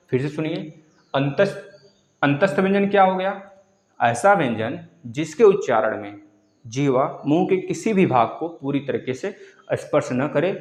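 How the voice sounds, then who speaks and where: A male teacher giving an online exam-prep lesson, explaining step by step and repeating key terms for students to write down. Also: fairly high pitch. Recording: echoey room.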